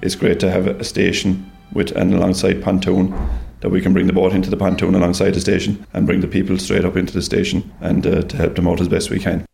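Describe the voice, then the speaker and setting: A man's voice: deep voice, completely flat delivery, fast talker, gravelly, few pauses, darkish tone, faint music behind. A man with a southwest Irish accent explaining lifeboat work in an interview in a matter-of-fact way. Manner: matter-of-fact, repeats points for emphasis. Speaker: lifeboat crew member.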